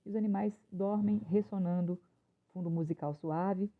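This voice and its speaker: A woman's voice: mid-range voice, steady tone, normal speed. A woman teacher reads a children's play aloud to her class and explains its stage directions, adding short tag questions. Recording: tinny phone-like audio.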